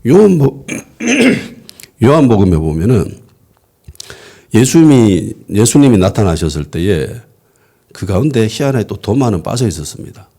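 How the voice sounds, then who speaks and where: Pastor guy preaching, chatty sermon, swings his voice up and down a lot, kinda mellow and dark. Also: fairly low pitch, moderate pace, vocal fry. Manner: lively, asks the congregation rhetorical questions. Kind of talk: conversational sermon. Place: church worship service.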